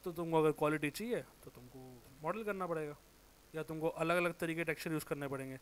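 A man with a sore throat giving a casual, informal software tutorial, thinking aloud, correcting himself and muttering as he works. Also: on the high side, fast. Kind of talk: casual screen-recorded tutorial.

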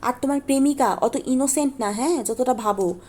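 A woman's voice: high voice, fairly quick, darkish tone. A woman voicing a resentful young man who lashes out at a friend in a storybook reading. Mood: bitter.

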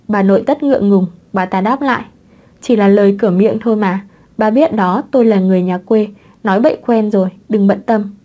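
A woman reads a serialized romance novel aloud, giving dialogue only slight lifts in her own voice. Her tone is mellow and soft-edged, at a middle pitch. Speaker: audiobook narrator. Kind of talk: scripted novel narration.

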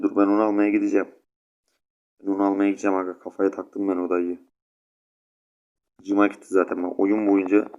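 A man's voice: deep voice, mellow, dull audio. A sleepy young man with a stuffy nose, rambling chattily to his viewers while commenting on his gameplay. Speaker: gaming channel host.

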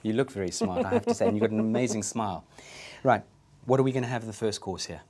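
A man's voice: on the low side, very animated, fast talker, darkish tone. A man in his fifties speaking with prim, precise, formal enunciation, giving instructive demonstrations with short questions and commands. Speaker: etiquette expert giving a lesson. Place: wood-panelled dining room, indoors.

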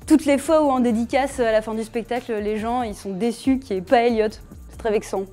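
A woman's voice: fairly high pitch, a little fast, dark tone, faint music behind. A young woman ventriloquist chatting casually in an interview, playfully teasing her puppet partner. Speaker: ventriloquist performer.

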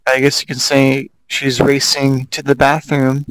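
A young man fresh out of bed, chatting in a VR game with an amused, bemused tone. His voice sits at an ordinary middle pitch. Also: monotone, unhurried, a bit bright, no echo, rough recording. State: just woken up. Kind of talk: casual gaming chat.

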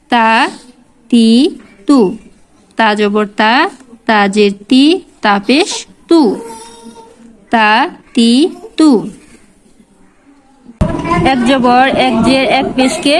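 High-voiced woman teaching slow drills. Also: low-quality recording. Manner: slow, repeats each syllable drill. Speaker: Quran reading teacher. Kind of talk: step-by-step lesson.

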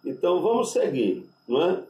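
A man with a Brazilian Portuguese accent, a rabbi giving an unscripted religious lesson, deliberate and spelling out Hebrew letters with constant tag questions. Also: a little high, sing-song, recorded from a distance, lo-fi sound. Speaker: rabbi teaching Hebrew names. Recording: echoey room, voice off-mic.

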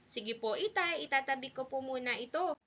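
A woman's voice: sits high, expressive, normal speed, pushed and bright, pitched above the performer's own voice, exaggerated voice. A woman voicing a polite, eager young boy in a read-aloud story for children, in a dull lo-fi recording. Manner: respectful, uses polite po. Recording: dull lo-fi sound.

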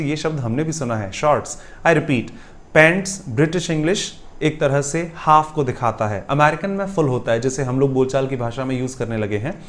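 A man with an Indian English accent teaching English grammar in Hindi. He reads example sentences slowly, repeats them, and answers his own questions in a chatty way. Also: medium pitch, fairly bright tone. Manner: asks and answers himself conversationally.

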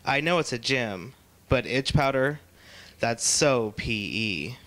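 A man's voice: mid-range voice, lively intonation, slow, sharp tone. A man playing a vain, catty drag queen, theatrical and self-dramatizing in a mock interview. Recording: music playing behind.

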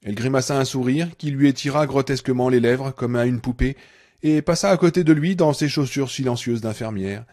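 A man narrating a novel in a measured, dramatic audiobook reading. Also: mid-range voice, darkish tone. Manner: measured, dramatic, darkening on tense passages.

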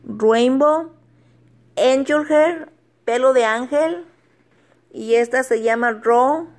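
A woman's voice: sits high, slow pace, darkish tone. A middle-aged woman, chatting casually on a home vlog, laughing often and stumbling over English words. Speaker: vlogger.

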